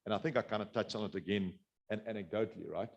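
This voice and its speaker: Middle-aged South African man, low voice, quick rambling business webinar talk, lots of restarts. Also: creaky, muffled recording. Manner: rambling, many restarts and fillers. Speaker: business speaker. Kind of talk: webinar presentation.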